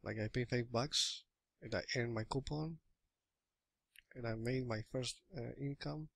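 A man's medium-pitched, gravelly voice, a bit bright and without echo. He's a Greek man in his thirties and an affiliate marketer, giving a hesitant, casual product walkthrough by screen recording from a small room on a webcam or laptop mic. His second-language English has a Greek accent and plenty of fillers and restarts.

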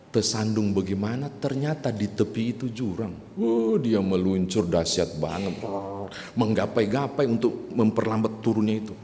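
A man's voice: low-pitched, darkish tone. A male pastor preaching a sermon in a conversational storytelling way, addressing the congregation directly. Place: church sanctuary. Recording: reverberant church with faint hiss.

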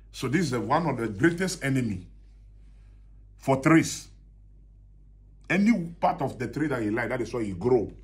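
Man, Ghanaian accent, pastor, sermon, husky, mid-pitched, close phone recording. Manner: emphatic preaching, repeats key lines, holds up palm fruit and herbs. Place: small brightly painted indoor room, seated at a desk. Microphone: phone camera at close range.

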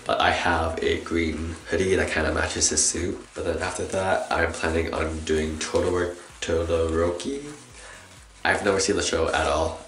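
A man's voice: low-pitched, fairly bright tone. A young adult man vlogging in a casual, rambling, self-deprecating chat, saying w for r. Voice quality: trouble pronouncing R sounds, says w for r. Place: small bathroom, indoors. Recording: echoey small-room camera recording.

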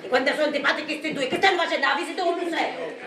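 A woman's voice: high-pitched, racing, a crowd in the background. A woman playing a blunt, poor, hard-of-hearing woman who speaks southern Italian dialect on stage. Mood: annoyed. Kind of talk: live amateur stage comedy acting. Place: theatre stage before an audience. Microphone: far camera. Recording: roomy theatre, distant mic, audience noise.

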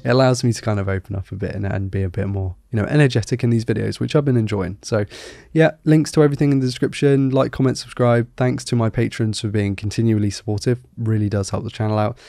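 A man's voice: fairly low pitch, fairly even intonation, fast talker, gravelly, mellow, no echo, clean studio sound. A man reviewing a music player, talking candidly and thinking aloud, his voice nasal from a cold. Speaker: tech reviewer. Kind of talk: casual product review.

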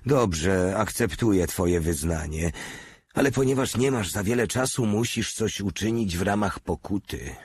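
A man's voice: lowish voice, animated, unhurried, darkish tone, breathy edge, dry recording. A man voicing a stern, scheming veteran legionnaire who speaks in a solemn, preaching tone, read as an audiobook character.

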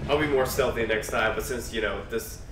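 A man's voice: mid-range voice, a little fast. A young man giving casual commentary as he plays a video game. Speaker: gaming video host playing the game. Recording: roomy, distant mic, loud game music.

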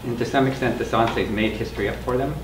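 An older man interviews and moderates an oral history panel, introducing it informally and conversationally in a meeting room before a small audience. His voice is medium-pitched with fairly even intonation, and he talks quickly. The distant mic gives a roomy sound with clear background noise.

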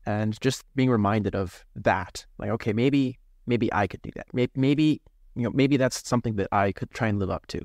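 A seminarian guest in his twenties gives a reflective interview, speaking slowly and thoughtfully, pausing and restarting as he hunts for the right words. His low voice is a little mellow, and the studio recording is close and dry with no room echo.

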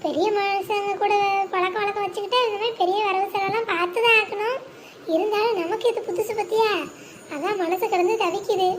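A woman's voice: very high voice, fairly even intonation, fairly quick, a little hiss or hum. A woman voicing a devout, anxious village wife in a cartoon, pleading and concerned. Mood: fretful.

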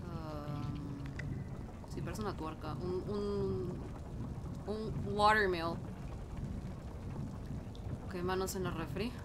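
A woman's voice: on the low side, slow pace. Woman streaming a horror game, noisy ambience. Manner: playful, talks to chat and game objects. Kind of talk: casual live gameplay commentary.

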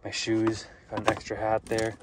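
A man's voice: lowish voice, completely flat delivery, normal speed. A young man, narrating a casual camping vlog in a laid-back, slangy way from a parking lot and his car. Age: young adult. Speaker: vlogger. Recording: loud outdoor and vehicle noise.

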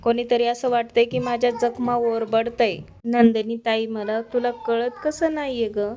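A woman voicing a resentful young bride who refuses her marriage, speaking in sharp reproachful questions. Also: on the high side, steady tone, a little slow, a little hiss or hum, lightly acted. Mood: angry.

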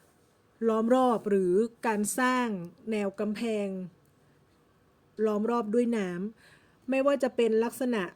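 A woman's voice: fairly high pitch, steady tone, slow pace, pauses often, darkish tone. A Thai-accented woman teaching English vocabulary, patiently explaining words and repeating each English term several times. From Thailand. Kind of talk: slow vocabulary lesson.

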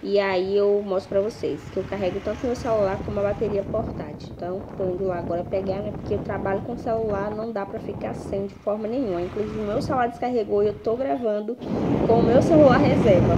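This casual vlog follows a young Brazilian woman chatting to viewers, whom she calls "minha gente", about her errands outside and her cooking in a small kitchen. She speaks briskly at a medium pitch, recorded on a handheld phone with clear background noise.

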